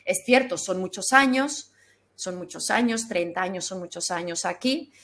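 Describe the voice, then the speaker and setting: A middle-aged woman from Belgium, a guest in an interview, talking casually and thoughtfully, often pausing with fillers. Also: medium pitch, fairly bright tone. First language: not Spanish. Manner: thoughtful, searching for words with many fillers.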